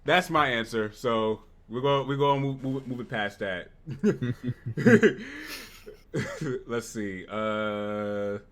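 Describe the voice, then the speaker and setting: A man's voice: mid-range voice, slow. A young man hosting a podcast, reading chat questions and joking around, often laughing and stumbling over his first words. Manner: playful and laughing, with stammered starts.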